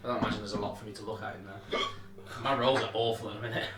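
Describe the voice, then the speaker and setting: A man's voice: lowish voice, steady tone, very fast, crowd noise. A man playing a tabletop game, chatting casually and joking. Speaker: player. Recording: echoey room, far from mic, loud noise.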